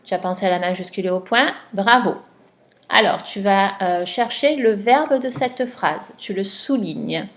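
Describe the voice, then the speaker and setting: This recording has a woman primary teacher at medium pitch giving a child at home a spelling lesson. She speaks slowly and patiently, elongating each word for dictation.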